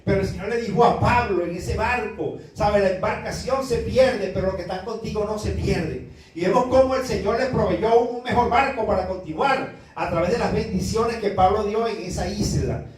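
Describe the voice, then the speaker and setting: A man's voice: high voice, normal speed. A male pastor preaching a sermon and reading from the Bible, talking earnestly and asking his listeners "you know?" again and again. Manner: earnest, repeats "¿sabe?" to the congregation. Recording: very echoey room, voice far from the mic.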